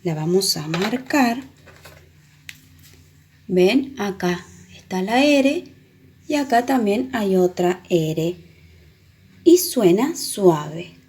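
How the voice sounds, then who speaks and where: A woman teaching children the sounds of a letter, explaining patiently and repeating example words slowly. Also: medium pitch, expressive, darkish tone. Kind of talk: children's reading lesson.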